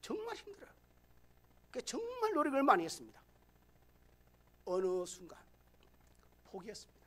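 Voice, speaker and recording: A man preaching a sermon in a softened Gyeongsang accent from Busan. He turns to the congregation again and again and moves between loud, emphatic lines and low, quiet asides. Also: wildly swooping pitch, brisk. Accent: softened Gyeongsang Korean. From Busan, South Korea. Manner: addresses the congregation directly, often saying "여러분". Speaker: pastor. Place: church sanctuary.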